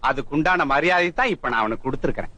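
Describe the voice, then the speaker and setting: An actor playing an arrogant, bullying police officer in a film scene, mocking and domineering. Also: male voice, on the high side, lively intonation, rapid-fire, pushed and bright, no echo. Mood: gloating. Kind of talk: Tamil film acting.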